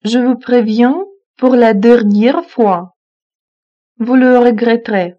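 A woman reads phrases aloud slowly, repeating each one evenly. Her voice is mellow and a little high. The recording sounds dull and lo-fi. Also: fairly even intonation. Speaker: French phrase reader. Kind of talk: slow repeated phrasebook reading.

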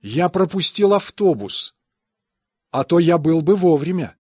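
A man's voice: on the high side, unhurried, slightly rough, no echo, studio quality. A man reading translated example sentences evenly and carefully for a language course. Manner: even, careful enunciation. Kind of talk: scripted phrase reading.

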